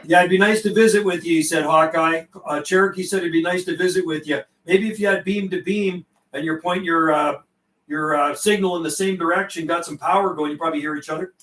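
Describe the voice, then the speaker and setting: With a slightly high, a bit bright voice and fairly even intonation, a man speaks a little fast as he hosts a CB radio livestream. He chats casually in slang, relaying and repeating operators' messages, recorded through a distant microphone in a roomy space.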